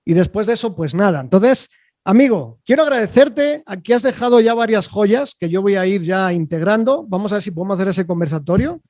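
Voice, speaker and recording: A man hosting an online interview over a video call, chatty and rambling, filling pauses with "eh" and checking in with "¿vale?". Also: sits high, animated, darkish tone, no room sound. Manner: chatty, rambling, with frequent fillers and "¿vale?" tags. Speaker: host.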